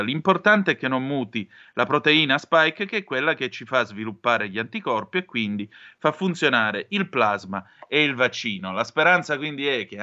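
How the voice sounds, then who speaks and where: A man's voice: mid-range voice, pushed and bright, highs cut off. A man from Calabria reading news aloud, then giving opinionated personal commentary and appealing directly to his listeners. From Calabria, southern Italy.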